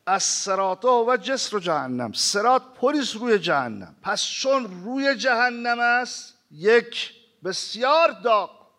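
A man preaching a sermon who recites scripture slowly and asks the listeners rhetorical questions, swinging between loud emphasis and hushed pauses. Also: very high voice, expressive. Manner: recites Arabic scripture in a slow chanting cadence, then explains it.

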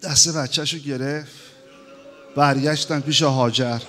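A male preacher reciting a mourning sermon, lamenting and sighing, moving between hushed grief and loud wailing. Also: medium pitch, steady tone, soft background music.

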